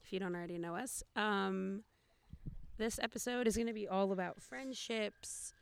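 A young woman co-hosting a casual podcast outdoors by a backyard pool, her voice a little raspy from allergies. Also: mid-range voice, fairly even intonation, moderate pace. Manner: chatty, lots of fillers. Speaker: podcast co-host. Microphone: new podcast microphones.

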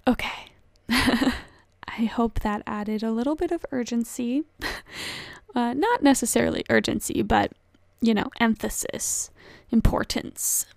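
A woman hosting her own solo podcast, speaking calmly and in an unhurried, self-aware way. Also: on the high side, gravelly, no room sound. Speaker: podcast host.

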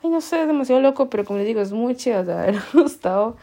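Casting: Costa Rican woman, chatty podcast host, mellow gravelly voice, quick to laugh. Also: a little high, expressive. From Costa Rica. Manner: chatty, laughs often, heavy slang. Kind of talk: casual storytelling chat.

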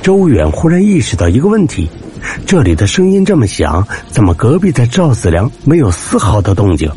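A man's voice: mid-range voice, big pitch swings, brisk, slight background noise. A man narrating a suspense story in a dramatic, scripted telling. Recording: soft background music.

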